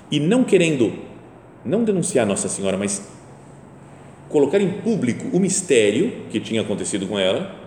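A man giving a conversational sermon, often checking in with "né?" and lifting his voice for emphasis. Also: mellow. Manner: conversational, rises in pitch and volume for emphasis, often asks "né?". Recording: echoey hall with faint rumble.

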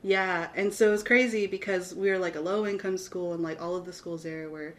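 Her voice sits on the low side with a steady tone, moving a little fast. She's a young adult woman from Austin, Texas, a graphic designer guest in a casual interview, giggly and modest as she rambles with lots of fillers, especially "like."

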